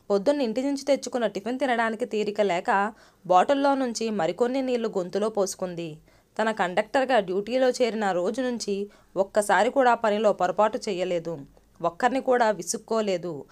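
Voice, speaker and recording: A woman storyteller narrating a moral story in a steady, even reading voice. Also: mid-range voice.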